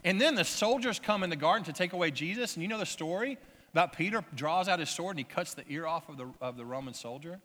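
A man's voice: a little high, expressive, fast, sharp tone, big-room sound. A man preaching a sermon as pastor, telling the story in a conversational way and asking his listeners questions.

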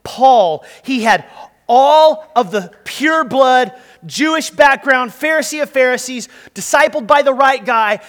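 A young man preaching a lively sermon as pastor, leading his congregation in call-and-response. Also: very high-pitched, big-room sound. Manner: storytelling with boxing imagery.

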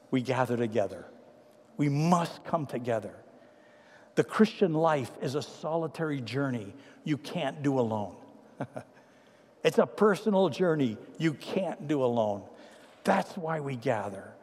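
An older male pastor delivers a sermon with a fairly high voice. He tells stories emphatically, rising to loud declarations and dropping to hushed asides. His voice carries a long reverb from the church hall. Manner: emphatic storytelling preacher, swinging from loud to hushed. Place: church sanctuary.

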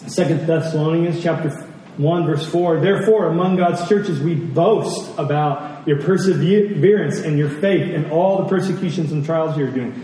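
A preacher delivers a sermon in a very echoey hall, captured by a distant mic with faint noise. His fairly high voice is earnest and mellow at normal speed as he teaches conversationally, repeating key phrases and asking his listeners questions.

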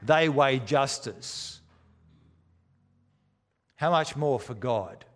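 A man preaching a sermon with dramatic, deliberate emphasis, using rhetorical questions and repetition. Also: mid-range voice, lively intonation. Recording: echoey hall with long reverb.

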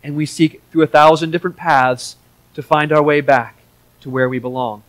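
A man's voice: fairly high pitch, fairly even intonation, moderate pace, dry recording, low-quality recording. A man preaching a sermon in an earnest, conversational way, with small restarts as he explains. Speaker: pastor.

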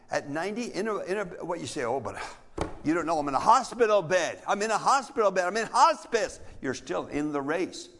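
An older man preaching a sermon as pastor, animated and emphatic, repeating key phrases for effect. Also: a little high, creaky. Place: church sanctuary. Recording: long hall reverb.

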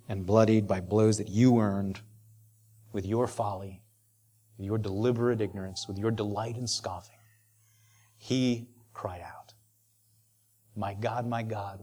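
Pastor guy preaching, kinda husky lowish voice, gets loud then goes almost whispery. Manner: swings from loud urgent preaching to hushed, near-whispered quotes. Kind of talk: sermon.

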